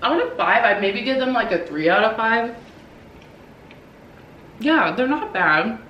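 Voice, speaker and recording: A young woman talks casually on her cooking vlog, filling her speech with ums and likes. Her voice sits a little high and comes from some way off the mic. The kitchen is echoey, with a faint hum of room noise behind her. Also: animated, unhurried, distant mic, lo-fi sound. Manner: chatty, hesitant, many ums and likes. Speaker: cooking vlogger. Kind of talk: casual chat. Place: home kitchen.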